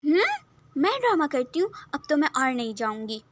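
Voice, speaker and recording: A woman's voice: high-pitched, lightly acted. A woman voicing a whiny, stubborn young woman who keeps refusing. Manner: whining, refusing.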